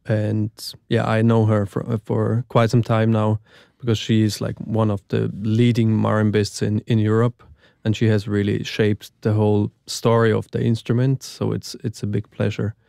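A man from Switzerland answers interview questions, pausing often with ums. His low voice is gravelly yet resonant. He speaks in an even, flat tone. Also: dry recording, clean studio sound. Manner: hesitant, with frequent ums. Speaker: percussionist guest. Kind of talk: radio interview conversation.

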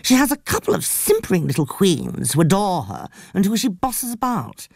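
A dramatic, gossipy woman who feels sorry for herself, her voice climbing high and dropping low in wide, showy swings, as a woman narrator puts her on. The recording is close and dry. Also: wildly swooping pitch, normal speed, gravelly, a little mellow, husky, dry recording, full character voice. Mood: rueful gossip. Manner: gossipy, self-pitying, theatrical. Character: flamboyant, rueful woman fleeing her own house. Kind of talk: audiobook character voice.

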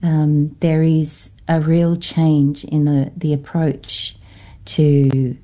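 A woman from Norfolk Island, an academic invited onto radio, speaks thoughtfully with plenty of pauses and fillers in an accent influenced by Australian English. Her voice sits low, level and dark in tone.

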